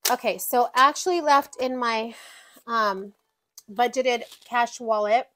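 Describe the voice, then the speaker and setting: Budget vlogger, woman, light raised pitch, chatty and informal, counts bills aloud, talks to her binders. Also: slow pace, bright, forceful tone. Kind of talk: casual chat while counting cash.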